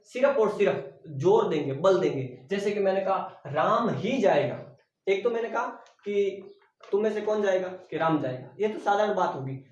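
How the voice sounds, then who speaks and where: A man's voice: high voice, a little mellow. A man teaching a Hindi grammar lesson for exam preparation, with a Rajasthani Hindi accent, who keeps asking questions and answering them himself while repeating the key terms. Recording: very echoey, dull lo-fi room recording.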